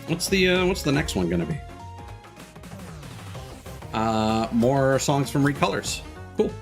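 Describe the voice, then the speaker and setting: Gravelly and fairly high-pitched, this man's voice is expressive and unhurried as he comments on a game he's streaming live. Video game music backs his easygoing, meandering explanations, which sometimes halt in the middle of a thought.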